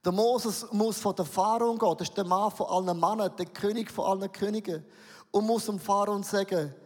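A man's voice: sits high, moderate pace, a little mellow. A middle-aged man with a Swiss German accent, preaching a sermon and telling a self-mocking story with humor and acted-out dialogue. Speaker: pastor. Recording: reverberant hall.

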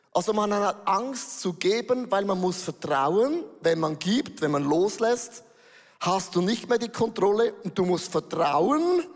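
A man preaching a lively sermon as pastor, dropping English phrases into his German. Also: sits high, big-room sound.

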